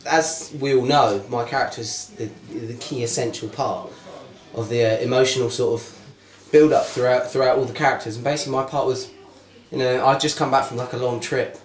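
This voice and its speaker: A man's voice: medium pitch, fairly even intonation, fairly quick. A man describing his role in a rambling, hesitant way. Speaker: actor. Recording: echoey room.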